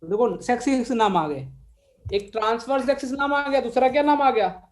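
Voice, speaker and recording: High-voiced Indian maths teacher quizzing students. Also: male voice, a little hiss or hum. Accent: Indian English mixed with Hindi. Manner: dictates slowly, quizzes students, calls them beta. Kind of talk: live online class lecture.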